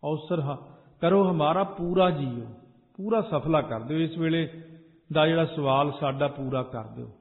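A man preaching in a long-ringing hall, his voice a little high and heard through thin, phone-like audio. He moves between slow sung verses and brisk spoken explanation. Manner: alternates slow chanted verses with quick explanation. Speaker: Sikh preacher. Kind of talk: sung scripture with spoken commentary. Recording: tinny phone-like sound with long hall reverb.

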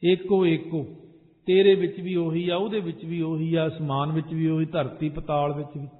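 A man preaching, singing scripture lines slowly and then explaining them in quicker speech. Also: on the high side, level tone. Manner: alternates slow chanted verses with quick explanation. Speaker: Sikh preacher. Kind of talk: sung scripture with spoken commentary. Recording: tinny phone-like sound with long hall reverb.

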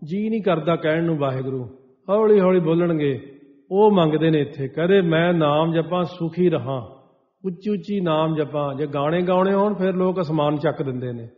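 Man chanting and preaching in a reverberant hall. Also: a little high. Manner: chants verses slowly then explains them. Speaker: Sikh preacher. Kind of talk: scripture exposition sermon. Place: large hall before a congregation. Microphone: stage microphone. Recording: dull sound with long hall reverb.

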